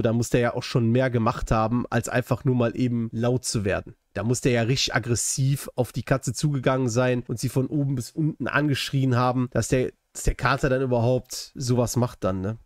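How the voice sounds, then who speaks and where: A man's voice: medium pitch, dry recording. Casual male host, dry close sound. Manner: casual, hedging, tag questions. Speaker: host reacting to a video. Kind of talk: commentary chat.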